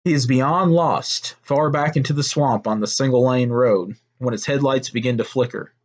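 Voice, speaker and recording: Man, storyteller, medium-pitched voice, unhurried, homemade tale. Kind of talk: told story narration.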